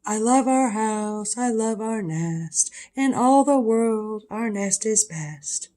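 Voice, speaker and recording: A woman's voice: fairly high pitch, animated, takes it slowly, warm tone. An older woman with a sweet old lady manner voicing an earnest, agreeable male bird in a storybook. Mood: happy singing.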